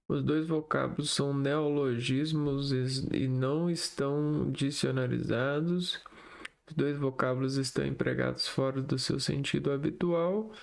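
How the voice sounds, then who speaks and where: A man working through exam exercises aloud, slowly reading out words one by one and thinking aloud. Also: mid-range voice, gravelly. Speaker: exam tutor.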